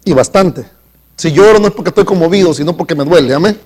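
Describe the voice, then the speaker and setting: A man preaching a live sermon in a church. He speaks emphatically, slows down to stress key words, and calls questions out to the congregation. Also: fairly high pitch, a little mellow, breathy edge. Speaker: pastor. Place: church sanctuary.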